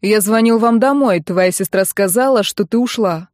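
A woman voicing a jealous, sharp-tongued young man who scolds his girlfriend in an irritated, demanding way. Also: medium pitch, moderate pace, dry recording, clean studio sound, close to an everyday voice.

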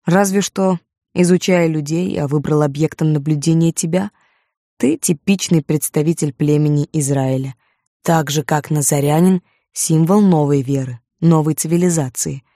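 A woman voicing a mysterious man with a soft, sad voice, speaking slowly and calmly in an audiobook. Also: low voice, no room sound, studio quality. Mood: detached. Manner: slow, calm, detached. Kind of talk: audiobook character voice.

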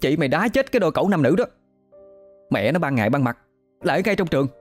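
Man putting on a shrill, furious young woman. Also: animated, brisk, soft background music. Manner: loud, scolding, swearing in outrage. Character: fiery outspoken young woman, older student.

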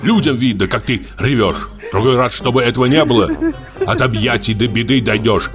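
A man voicing a drunk, jealous husband who shouts, scolds and rants at his wife in an audiobook. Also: mid-range voice, fairly quick, over music, close to an everyday voice. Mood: scolding. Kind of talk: audiobook character voice.

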